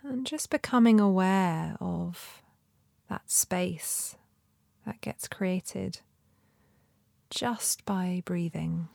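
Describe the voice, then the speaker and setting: Female meditation guide, lowish creaky voice, soft and breathy, soothing and unhurried. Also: no room sound. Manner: gentle, soothing, unhurried instruction with long pauses.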